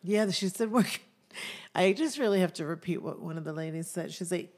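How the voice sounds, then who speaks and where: A woman's voice: on the low side, moderate pace, darkish tone. A woman co-hosting a casual travel chat, playful and jokey, now and then breaking into song. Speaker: podcast co-host.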